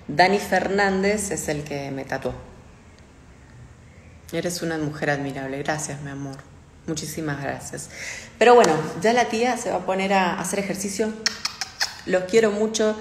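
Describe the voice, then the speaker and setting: A woman's voice: lowish voice, a little hiss or hum. A young adult woman hosting a casual phone livestream, reading out viewer comments and answering them candidly, with frequent swearing. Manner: chatty and candid, swears often. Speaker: livestream host. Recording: echoey room with long reverb.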